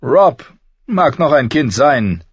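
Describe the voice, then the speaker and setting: A man voicing a haughty, bored teenage prince with a mocking, drawn-out sneer. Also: medium pitch, sing-song, slightly rough, no room sound, muffled recording, pitched above the performer's own voice, heavily acted.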